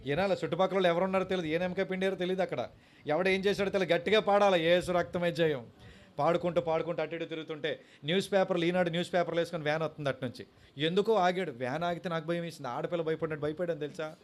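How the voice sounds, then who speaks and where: A man's voice: on the high side, steady tone, very fast. Man preaching a style sermon. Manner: storytelling preacher, mixes in sung lines and English words. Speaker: pastor.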